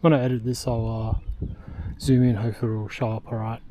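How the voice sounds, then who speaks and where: A young man narrates a travel vlog into a handheld camera as he hikes up a steep outdoor trail, short of breath. His voice is mellow and warm, and he rambles with plenty of ums and uhs. A faint hiss of outdoor noise sits behind him. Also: mid-range voice, flat delivery, brisk. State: out of breath from hiking uphill. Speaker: travel vlogger. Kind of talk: casual walking vlog narration.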